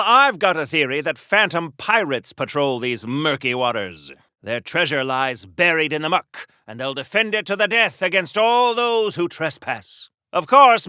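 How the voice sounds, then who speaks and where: A man's voice: on the high side, sharp tone, clean tone, no echo. An actor playing a chipper old-timey male comic-book hero in a video game, speaking in a grandiloquent, flowery way with theatrical gee-whiz exclamations, recorded close on a studio mic.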